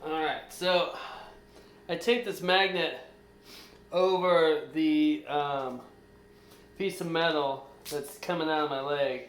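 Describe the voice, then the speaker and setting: Slow-talking man in an echoey room. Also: on the high side, steady tone, fairly bright tone. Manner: plain-spoken, explains step by step. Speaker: vlogger. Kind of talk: casual home-video narration. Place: room in a house.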